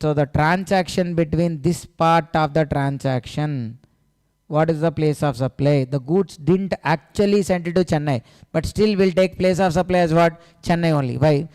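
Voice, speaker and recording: A South Indian man teaches a revision class in a clear, fairly high voice. He asks short questions and answers them himself, repeating key phrases and often adding "sir". The sound carries a long, hall-like reverb. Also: normal speed, a little mellow. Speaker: tax exam coaching teacher.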